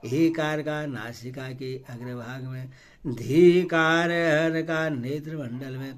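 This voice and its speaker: A man reading devotional scripture aloud and intoning ritual mantras in a measured way, with frequent hesitant fillers between phrases. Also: medium pitch. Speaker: scripture reader.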